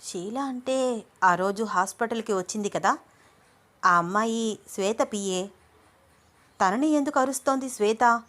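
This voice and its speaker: A woman's voice: a little high, measured pace, long pauses, a bit bright. A woman voicing an earnest, puzzled young man in love, in her own voice.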